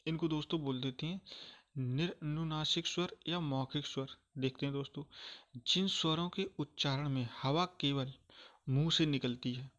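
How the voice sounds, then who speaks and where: A man with a somewhat high voice teaches a grammar lesson. He keeps checking that his listeners follow, repeating phrases and drawing out each vowel slowly as he demonstrates it. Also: fairly bright tone. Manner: repetitive, calls listeners "friends", checks understanding often; slows down to sound out vowels.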